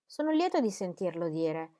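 A woman reading the lines of an impatient, indignant gentleman in an audiobook, in a pressing, earnest way. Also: fairly low pitch, very animated, normal speed.

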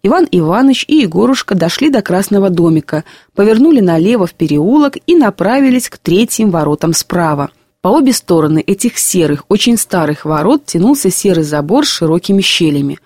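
A woman narrating classic prose in a measured, expressive storybook reading. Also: fairly low pitch, dry recording, studio quality.

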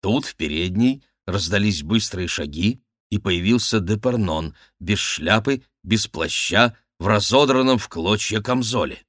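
A man narrating an audiobook in an expressive, theatrical manner. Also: on the low side, measured pace, no room sound, studio quality. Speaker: audiobook reader.

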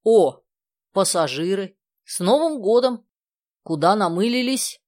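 A woman reading aloud and voicing a male bus driver who talks in a loud, offhand, breezy way. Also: medium pitch, animated, unhurried, no echo, studio quality, pitched above the performer's own voice, natural voice.

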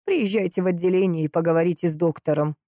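A woman voicing a creaky-voiced old woman on the phone who talks slowly and grumbles. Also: lowish voice, mellow, dry recording, clean studio sound, natural voice. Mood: grumbling.

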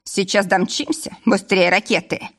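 A woman's voice: mid-range voice, fairly even intonation, normal speed, close to an everyday voice. A woman reading an audiobook voices a drunk middle-aged man, a candy-factory director who hiccups and talks with slurred familiarity. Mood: tipsy.

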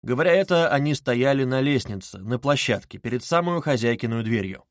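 A man's voice: medium pitch, expressive, a little fast, no room sound, clean studio sound. Man reading a classic novel aloud. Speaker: narrator.

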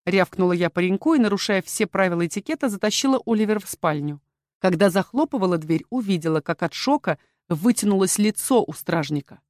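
A woman narrating a first-person novel in a lively, expressive way. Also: medium pitch, brisk, no room sound, clean studio sound.

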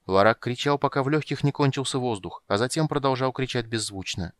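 A man reading a fantasy audiobook in measured, scripted narration. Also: medium pitch, no echo.

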